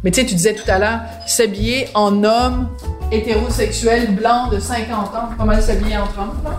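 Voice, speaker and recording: A woman with a Quebec French accent, hosting a casual chat, welcoming, with lively interjections. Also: fairly high pitch, moderate pace. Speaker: host. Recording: roomy, off-mic with music.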